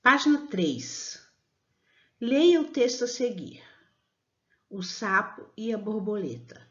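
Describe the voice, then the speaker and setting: Slow, deliberate woman teaching children. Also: mid-range voice, big pitch swings. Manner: slow, deliberate, stretches example words. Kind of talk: slow classroom explanation for children. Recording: dull lo-fi sound.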